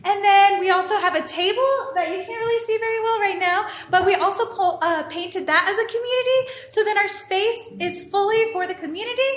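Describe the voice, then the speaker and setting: A woman pole dance teacher chatting casually on a live stream, reading comments in a high, upbeat put-on voice. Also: fairly bright tone. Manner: high put-on upbeat voice kept deliberately positive. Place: indoor pole dance studio. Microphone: phone camera. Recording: echoey room.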